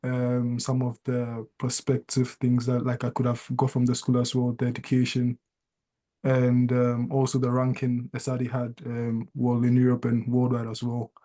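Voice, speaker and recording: Hesitant man with a very flat, mellow voice. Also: mid-range voice. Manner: hesitant, halting delivery. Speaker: master's student. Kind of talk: casual testimonial on a panel chat.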